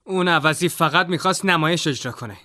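A man's voice: mid-range voice, no room sound, close to an everyday voice. A man doing a cool-headed young fighter. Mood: scornful. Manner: calm, dry, matter-of-fact. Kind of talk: audiobook character voice.

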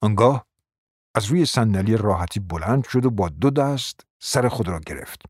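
A man narrating a radio drama in a measured, formal storytelling manner. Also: on the low side, lively intonation, darkish tone, husky, dry recording, studio quality.

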